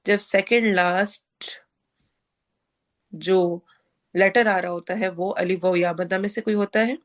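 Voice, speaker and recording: A woman's voice: mid-range voice, steady tone, measured pace. A woman teaching a tajweed lesson. She explains rules step by step, drags out recited words syllable by syllable, and puts questions to the class that she then answers herself.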